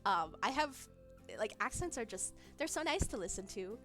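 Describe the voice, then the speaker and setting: A young woman streamer chats casually with her viewers and reads their messages, giggling and rambling with lots of fillers. Her voice is a little high and fairly bright, swings widely in pitch, and moves at a normal speed, with faint music in the background.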